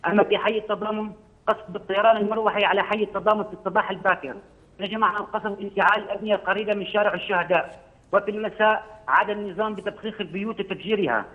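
Rapid high-voiced man over a poor remote feed. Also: steady tone. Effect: poor-quality remote audio feed. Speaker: field correspondent. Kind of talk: news report from the field. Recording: dull lo-fi remote stream.

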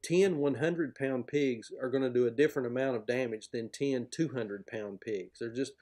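A man's voice: medium pitch, normal speed, a little mellow. A middle-aged man, a pig farmer, explaining his farm work with plain-spoken enthusiasm in a podcast interview over a video call from a room at home. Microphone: video call, webcam framing.

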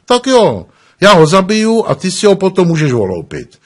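A man's voice: high voice, wildly swooping pitch, pitched above the performer's own voice, heavily acted. A man voicing a curt cold assassin. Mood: blunt. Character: male assassin, cold professional killer.

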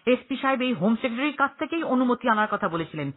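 Husky man narrating an audiobook, tinny. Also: quick pace. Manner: voices characters with rising excited pitch. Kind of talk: dramatic storytelling narration.

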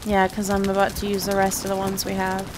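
A woman chatting casually with her co-op partner while playing a game. She sounds relaxed and easily amused. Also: mid-range voice, quick pace, background noise. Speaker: co-op gaming partner, channel host. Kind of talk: casual gameplay chat.

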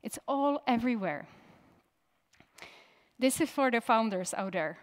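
A woman's voice: fairly high pitch, lively intonation, a little slow. A woman in her thirties, a native Czech speaker, giving a conference keynote in a direct style and putting questions to the audience. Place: conference stage.

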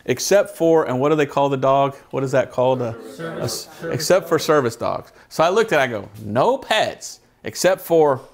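Male preacher, gravelly voice, mid pitch, chatty Bible study sermon, asks the room questions. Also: fast talker. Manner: conversational storytelling, asks the congregation questions.

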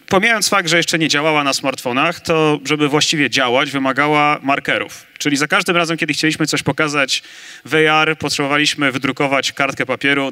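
A man speaking on a large conference stage with a handheld mic, arguing his side in a staged debate with emphatic, energetic delivery. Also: fairly high pitch. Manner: energetic, emphatic, building to big claims. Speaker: conference debater on augmented reality.

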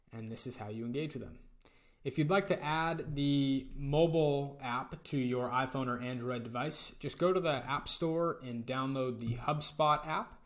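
Presenting a software tutorial over a screen recording, a young man with an ordinary mid-range voice guides viewers step by step in a relaxed manner.

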